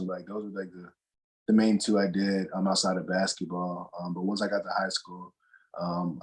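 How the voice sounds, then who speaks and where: A young man from North Carolina with a deep, husky voice answers interview questions at an easy, meandering pace. He talks casually and often pauses on fillers before circling back to finish his thought. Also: rough recording. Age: young adult. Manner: relaxed, rambling, with many fillers and restarts. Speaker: guest, college basketball player.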